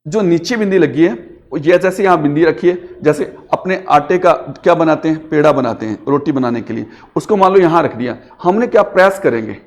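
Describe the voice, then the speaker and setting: A male Hindi teacher, with a slightly higher voice than most men, lectures a class and keeps checking understanding by repeating questions. His delivery is patient and methodical, and each point is explained step by step. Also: lively intonation, fairly quick.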